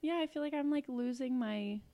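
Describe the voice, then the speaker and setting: Here the Northern Ohio woman in her thirties, a Cleveland-area podcast co-host, talks at normal speed in a high-sitting voice with a dark tone. The recording is dry, and she stays laid-back, giggly and casually profane in easygoing chat.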